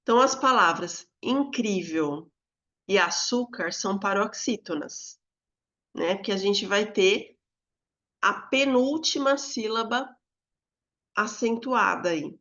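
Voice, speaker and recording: A woman with a Brazilian Portuguese accent teaching a recorded video lesson, speaking calmly and calling out words in a drawn-out sing-song to show stress. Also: medium pitch, dull audio.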